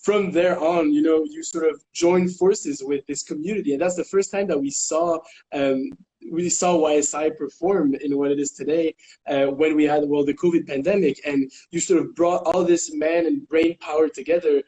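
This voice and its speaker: A man's voice: a little high, fairly even intonation, normal speed, mellow, rough recording. A young man from Quebec co-hosting a casual chat, hesitant with many fillers and restarts. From Quebec, Canada. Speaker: co-host.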